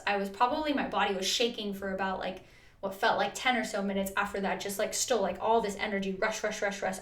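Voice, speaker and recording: A woman telling a personal story to her viewers in a vlog, earnest and chatty, full of restarts and fillers. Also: medium pitch. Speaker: vlogger. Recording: roomy echo.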